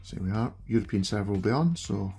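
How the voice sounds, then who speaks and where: A middle-aged Scottish man with a broad accent chats casually through a gameplay stream. His voice is husky and his manner self-deprecating. Faint music plays behind him. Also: on the low side, expressive, quick pace, warm tone. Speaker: streamer reviewing a gaming handheld. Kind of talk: casual live gameplay commentary.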